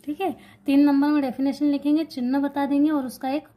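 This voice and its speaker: Woman teacher going over grammar for exams, high but mellow voice, keeps repeating and quizzing. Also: level tone, brisk. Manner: repeats key points and asks questions she then answers; explains while writing on a board. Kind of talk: exam-prep grammar lesson.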